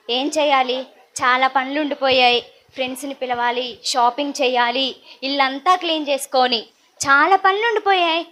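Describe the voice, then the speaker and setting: A very high, bright-voiced housewife, played by a woman, fussing over her daughter's wedding. She bosses her maid around sharply. It is staged as an amateur church Christmas skit. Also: a little hiss or hum. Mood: fretful. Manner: bossy toward her maid. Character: fussy, busy lady of the house planning her daughter's wedding.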